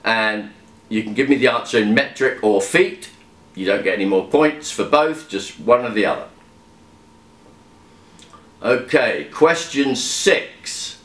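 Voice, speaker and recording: A man's voice: on the low side, lively intonation, unhurried, pauses often, a bit bright. A man hosting a quiz, reading out the questions with chatty, wry asides between them. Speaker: quiz host. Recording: echoey room.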